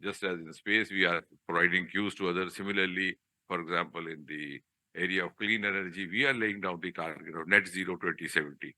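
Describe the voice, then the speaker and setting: An older man with an Indian accent gives a podium speech as chief guest, in a discursive, halting manner with rhetorical questions. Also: deep voice, steady tone, bright, forceful tone, no room sound. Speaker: chief guest speaker, public official. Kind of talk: podium speech to trainees in a hall. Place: auditorium hall, live address.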